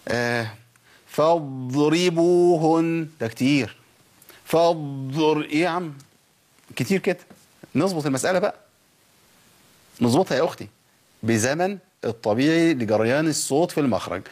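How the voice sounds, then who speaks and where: Egyptian guy teaching tajweed, talks quick, stretches out sounds to show them, keeps asking if you're following. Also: medium pitch, husky. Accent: Egyptian Arabic. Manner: drills pronunciation, drawing sounds out slowly and asking listeners questions. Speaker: Quran recitation teacher. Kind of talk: tajweed lesson on a program.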